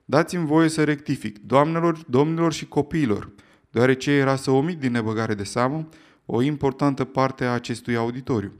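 A man voicing a bearded, provocative older professor who speaks in a measured, ceremonious and firm way. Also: medium pitch, lightly acted.

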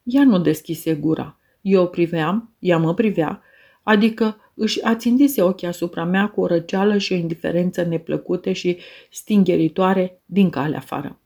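A woman reading a classic novel aloud in a measured, expressive narration. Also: fairly low pitch. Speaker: audiobook narrator. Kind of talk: literary audiobook narration.

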